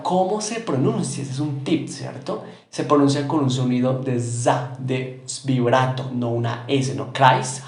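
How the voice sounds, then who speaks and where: A man's voice: medium pitch, darkish tone, echoey room. A Spanish-speaking man teaching an English grammar lesson, explaining step by step, repeating example words, and saying them with a British accent.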